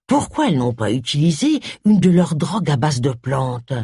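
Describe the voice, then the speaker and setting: A woman's voice: deep voice, big pitch swings, moderate pace, warm tone, slightly rough, no echo, clean studio sound, voice pushed down, full character voice. A woman doing a stubborn woman detective. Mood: firm.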